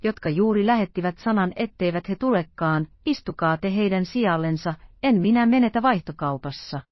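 A loud, boastful musketeer blusters on about his dinner, as a woman reads him in an audiobook. The voice stays mid-pitched and everyday. The recording is dull and dry. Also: animated, dry recording, close to an everyday voice. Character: boastful hearty male musketeer, big-voiced.

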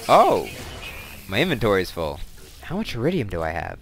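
Bright-toned man chatting over gameplay. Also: on the low side, wildly swooping pitch, fairly quick, slight background noise. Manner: chatty, thinking aloud, wandering asides. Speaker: let's play host. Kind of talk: casual gameplay commentary.

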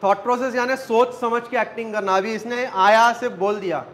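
High-voiced acting coach. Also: male voice, steady tone, a little fast, fairly bright tone, slight background noise, rough recording. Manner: coaching, quizzing students, joking. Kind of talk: classroom teaching. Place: acting classroom.

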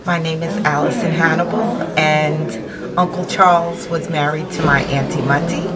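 Soft-spoken woman at a memorial. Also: sits low, fairly even intonation, moderate pace, over loud music. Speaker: memorial guest. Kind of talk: casual interview. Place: indoors, church building. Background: loud crowd chatter.

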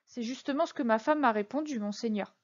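A timid middle-aged shopkeeper, played by a woman reader stammers in a high, anxious voice, always fawning. The recording sounds dull and lo-fi. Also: a little fast, natural voice. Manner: stammering, anxious and eager to please.

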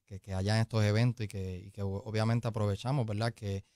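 A man's voice: on the low side, flat delivery, fairly quick, warm tone, dry recording, clean studio sound. A man promoting an event as a radio guest, friendly with many filler tags. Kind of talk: radio interview. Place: radio studio. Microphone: studio mic.

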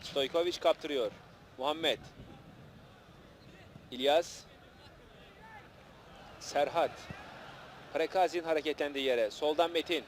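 A man's voice: a little high, slow, pauses often. A man giving live television football commentary in short, clipped play-by-play phrases. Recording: noisy old match broadcast, outdoor stadium.

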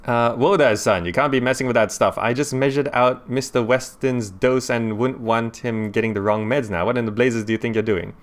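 Folksy old wasteland doctor, drawling and scolding, a man with a Malaysian accent reading him, mid-pitch game voice. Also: steady tone, normal speed, few pauses, close to an everyday voice. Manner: drawling, scolding, calls people son. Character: folksy older male wasteland town doctor.

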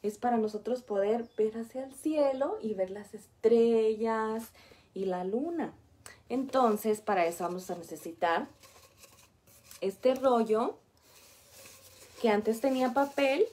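Reading a picture book to young children, this preschool teacher explains things gently and frequently stops to show them the pictures. She speaks slowly in a slightly high voice, pausing often.

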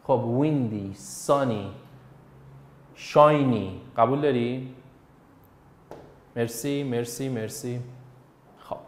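A male teacher works through a lesson, coaxing and quizzing students by name as he goes. His voice sits at an ordinary middle pitch. The sound carries a roomy echo. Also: long pauses, slight background noise. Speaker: English teacher. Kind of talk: classroom English lesson in Persian.

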